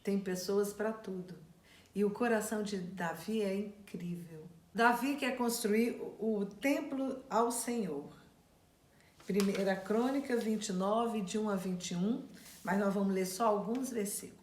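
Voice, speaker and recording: A woman's voice: mid-range voice, unhurried, a little mellow, echoey room. A woman who reads scripture aloud and then retells it in plain, casual words to her class. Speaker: Bible study teacher. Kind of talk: Bible reading and teaching.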